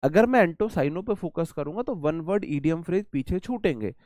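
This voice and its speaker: A man's voice: fairly high pitch, animated, fairly quick, darkish tone, dry recording. A man teaching English vocabulary in a live online class, chatty and repeating words while he explains memory tricks and answers the chat.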